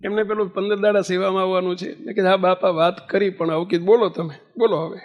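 A man giving a sermon as a swami, telling a story and acting out the dialogue in an animated way. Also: high voice, fast. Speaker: swami giving a religious discourse. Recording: long hall reverb.

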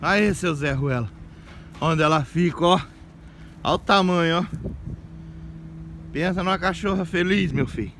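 A man's voice: a little high, unhurried, pauses often, a bit bright, a little hiss or hum. A man filming a casual home vlog, joking and teasing as he shows his animals. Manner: joking, teasing, mocking imagined critics. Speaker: vlogger.

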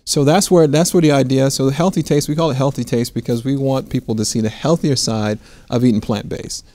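A middle-aged American restaurant owner, appearing as an interview guest, earnestly tells his story and often rephrases as he goes. His medium-pitched voice is warm and steady and fairly quick. He sits in a quiet indoor studio set with armchairs, recorded on a lapel mic.

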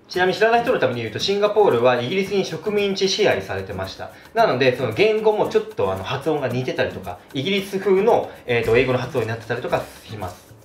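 A man from Japan, a vlogger chatting casually to camera, animated as he demonstrates pronunciations and chuckles often. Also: mid-range voice, fast talker, slight background noise. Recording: echoey room, faint background music.

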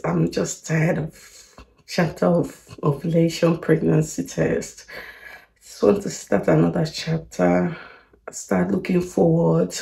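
A young vlogger, just out of bed with her morning voice, talks candidly to her camera at home, sounding worried but hopeful. Her voice is fairly low with vocal fry and a dark tone.

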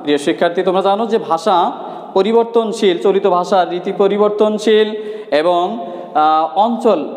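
High-voiced male teacher in an echoey room. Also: moderate pace, long pauses, darkish tone. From Bangladesh. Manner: repeats key points and quizzes students rhetorically. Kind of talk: classroom grammar lesson. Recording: echoey room with long reverb.

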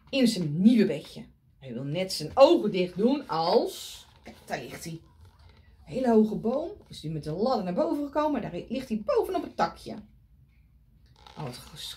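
Slow, lively woman reading to kids. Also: medium pitch. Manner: interactive, pointing at pictures and asking questions. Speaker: picture-book reader. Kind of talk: reading a picture book aloud to children.

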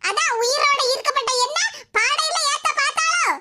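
Woman voicing a shrill, sharp-tongued cartoon mother-in-law, Tirunelveli Tamil, over loud noise. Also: normal speed. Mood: angry scolding. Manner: scolding, threatening, mocking.

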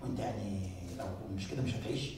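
A man with an Egyptian Arabic accent giving an animated sermon as a priest, asking many rhetorical questions. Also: on the low side, rapid-fire, very echoey, recorded from a distance, background noise. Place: church.

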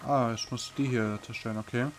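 A man's voice: mid-range voice, steady tone, a little fast, over music. A man giving casual gameplay commentary, thinking aloud in an easygoing way as he plays. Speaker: gamer, let's player. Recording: game sounds clearly behind the voice. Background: video game effects and ambience.

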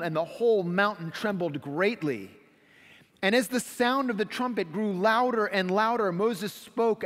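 A middle-aged man preaching a sermon from a church pulpit, explaining the text calmly and building to dramatic swells as he describes vivid scenes. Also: sits high. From United States. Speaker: pastor. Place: church stage behind a wooden pulpit. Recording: long hall reverb of a sanctuary.

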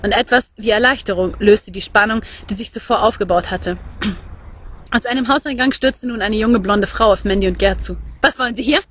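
A woman reading a novel aloud in measured, expressive narration. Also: mid-range voice, slight background noise. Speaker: audiobook reader.

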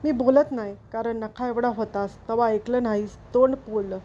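A woman's voice: on the high side, moderate pace, warm tone, highs cut off, slight background noise, close to an everyday voice. A woman reading a novel aloud, voicing an anxious, fearful village mother who speaks in a rural dialect.

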